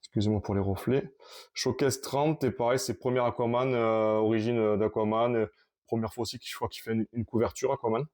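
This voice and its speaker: A man casually showing his collection on camera, talking in a halting, rambling way with many restarts. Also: mid-range voice, steady tone, darkish tone.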